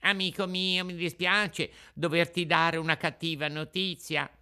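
A kindly little female marmot, as a man puts her on in a storybook reading, gentle and solicitous, sighing as she consoles. The voice sits well above a man's usual pitch, with a bright, clear tone. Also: fairly even intonation, measured pace. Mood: concerned.

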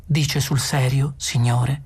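A polite barman speaks courteously and softly, his voice husky and close to a murmur, as the narrator puts him on. It sounds like a storybook reading with a respectful tone. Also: medium pitch, fairly even intonation, normal speed. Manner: courteous, hushed.

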